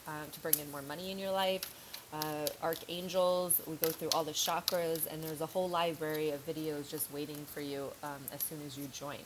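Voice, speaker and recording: A woman's voice: lowish voice, noisy background. A woman reading tarot cards in a casual, frank way, thinking aloud, with a slightly sore throat. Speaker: tarot reader.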